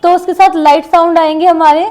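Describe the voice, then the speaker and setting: High-voiced woman teaching shorthand slowly. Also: little pitch movement, a little mellow. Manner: slow, patient, repeats words while writing examples. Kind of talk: classroom lesson explaining shorthand strokes.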